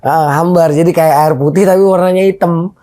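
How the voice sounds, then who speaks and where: A man's voice: on the high side, a little fast. A middle-aged man, telling a personal anecdote as a guest in casual conversation and acting out the dialogue in it. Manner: animated, re-enacts dialogue in his story. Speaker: guest storyteller.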